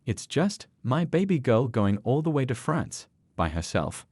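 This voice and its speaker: A man's voice: medium pitch, big pitch swings, measured pace, darkish tone, breathy edge, no room sound. A man voicing a worried, emotional mother fussing over her daughter in a read story.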